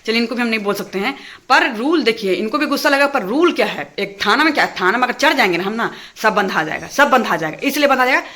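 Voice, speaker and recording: A woman vents to her viewers in a heated, rapid rant. She repeats herself and pushes each point. Her voice sits fairly high and rings bright and cutting. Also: animated. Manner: talks fast and heated when angry, repeats phrases. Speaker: vlogger addressing her viewers. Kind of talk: angry casual rant to camera.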